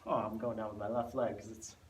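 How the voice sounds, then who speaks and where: A man's voice: fairly low pitch, flat delivery, quick pace. A man teaching a spinal stability class, explaining and demonstrating the exercises while a little out of breath. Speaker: instructor. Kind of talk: fitness class instruction. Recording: echoey room, mic far off, faint noise.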